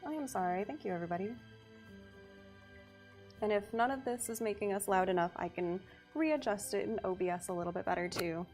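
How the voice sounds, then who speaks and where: A community manager presents game update details on a livestream, upbeat and giggly yet reading skill details steadily. Her mid-range voice is a little fast with a darkish tone, and faint music plays behind her.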